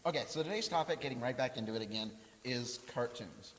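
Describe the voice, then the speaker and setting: A man hosting a casual podcast, animated and joking, laughing often. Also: medium pitch, quick pace. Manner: lively, laughs often, jokey. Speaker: podcast host. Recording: hissy audio with long reverb.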